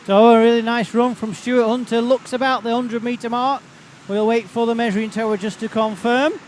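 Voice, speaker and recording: Very high-pitched and fairly even, the man's voice moves at a moderate pace over a little hiss or hum. He's announcing a tractor pull outdoors, giving live commentary that's unscripted, chatty and rambling.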